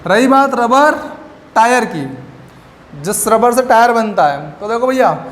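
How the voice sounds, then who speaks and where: A man's voice: very high voice, animated, takes it slowly, fairly bright tone. A man teaching a lecture class, asking questions and answering them himself with memory tricks. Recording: echoey room with faint background noise.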